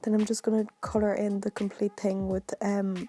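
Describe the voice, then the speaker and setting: A woman's voice: medium pitch, level tone, normal speed, warm tone. A woman beauty vlogger narrating a tutorial in a casual, chatty, informal way.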